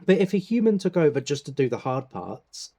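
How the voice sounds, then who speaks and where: Easygoing British man, dark voice. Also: on the high side, sing-song, a little fast. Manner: laid-back, laughs often, clears throat. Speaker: gaming channel host. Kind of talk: casual gameplay chat.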